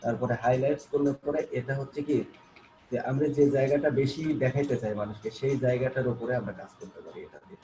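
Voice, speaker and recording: A man teaching a graphic design class, walking through software tools step by step, repeating himself and coaxing learners to look closely, with many fillers and restarts. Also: mid-range voice, fairly even intonation, quick pace, a little hiss or hum, poor audio. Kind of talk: screen-recorded software tutorial.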